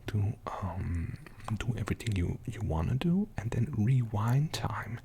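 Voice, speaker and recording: Young male ASMR host, soft rambling whisper, low and gravelly, mostly breath with little voice. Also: very animated, a little slow, slight background noise. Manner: soft, rambling, with many fillers. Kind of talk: whispered ASMR game show-and-tell.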